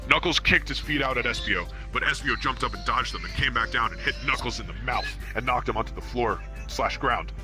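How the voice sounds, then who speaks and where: A man with a mid-range voice reads comic fan fiction aloud a little fast and with few pauses, playing a mock-serious dramatic narrator. It's an amateur reading in an online virtual reality hangout, with music behind his voice.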